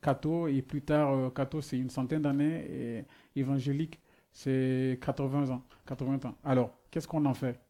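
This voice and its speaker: With a warm, mid-range voice delivered flatly at normal speed, a non-native preacher, not a French speaker by birth, asks rhetorical questions in his sermon. He often starts over while searching for words.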